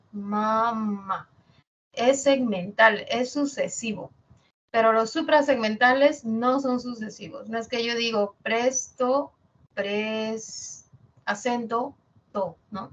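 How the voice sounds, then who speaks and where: A woman's voice: fairly high pitch, muffled recording, a little hiss or hum. Woman teaching a language class. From Peru. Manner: explains patiently with checking questions. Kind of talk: online class lecture.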